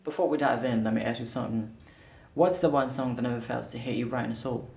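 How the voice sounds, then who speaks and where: A man's voice: medium pitch, fairly even intonation, quick pace, vocal fry, darkish tone. A man whose first language is Portuguese, a singer-songwriter talking candidly and a little self-deprecatingly to camera in a casual vlog. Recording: roomy echo with music behind.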